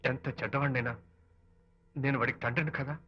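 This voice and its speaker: A man's voice: mid-range voice, fairly even intonation, brisk, bright, forceful tone, close to an everyday voice. An actor playing a remorseful estranged husband and father who speaks in a subdued, pleading way. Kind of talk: emotional film dialogue. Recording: dull film audio with music.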